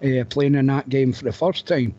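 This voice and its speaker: A man's voice: mid-range voice, fairly even intonation, normal speed, mellow. A Scottish man talking football casually on a phone-in show, blunt and colloquial in his phrasing. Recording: dull, lo-fi call-in audio.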